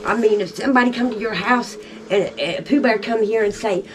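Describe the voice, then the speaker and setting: A woman's voice: mid-range voice, a little fast. A mother, upset and near tears, scolding and pleading with her son. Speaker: suspect's mother. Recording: distant mic with loud background noise.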